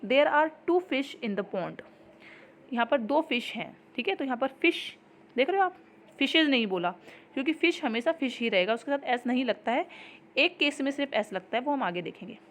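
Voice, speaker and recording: Patient woman teaching grammar, slightly high voice. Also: expressive, fairly bright tone. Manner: explains patiently, repeating "ठीक है" and reading example sentences slowly. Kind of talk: exam-prep grammar lesson.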